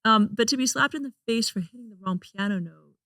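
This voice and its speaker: A woman's voice: a little high, fairly quick, fairly bright tone, no room sound, clean studio sound. A woman from Hong Kong, a guest in a casual interview, chatty, laughing often and talking with many fillers and restarts.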